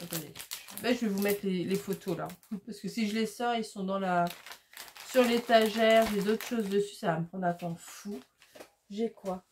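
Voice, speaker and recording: A woman's voice: mid-range voice, background noise. A woman hosting a craft video, chatting casually with many fillers as she shows her supplies. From France. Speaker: craft channel host. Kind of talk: casual chat showing crafts.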